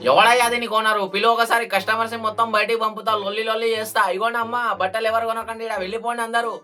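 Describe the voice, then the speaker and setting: A man's voice: high voice, little pitch movement, very fast. A man playing a rude, erratic young male customer in a comedy skit, speaking in a bossy, mocking way. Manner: bossy, mocking, loud demands.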